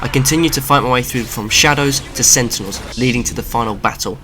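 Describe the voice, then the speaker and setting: Guy reviewing a game, scripted narration, normal pitch, bit of background noise. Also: quick pace.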